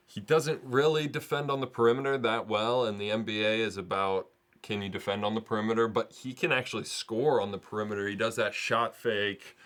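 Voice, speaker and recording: A man's voice: on the low side, a bit bright. A man hosting a sports video, talking casually in a rambling, self-deprecating way. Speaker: sports vlogger and host.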